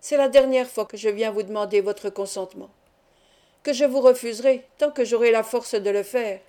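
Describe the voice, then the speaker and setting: A woman's voice: on the high side, normal speed, warm tone, close to an everyday voice. A woman voicing a resolute young woman who defies her captor in a cold, firm voice. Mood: defiant.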